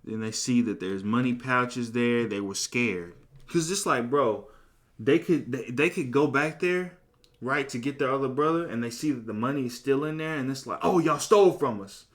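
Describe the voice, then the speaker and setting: A man hosting a podcast, retelling a Bible story in a casual, slangy, animated way. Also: medium pitch, moderate pace. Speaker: podcast host.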